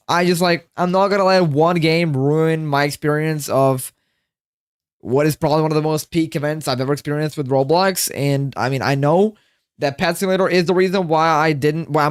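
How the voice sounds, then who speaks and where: Tired male livestreamer, rambles and repeats lines to chat; smooth voice, dry close sound. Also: fairly high pitch, no room sound.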